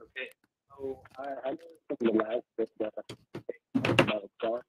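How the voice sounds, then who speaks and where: A male caller asking a podcast a question, hesitant and halting, his phone line breaking up and cutting out. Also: mid-range voice, steady tone, very noisy. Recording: tinny, dry phone line.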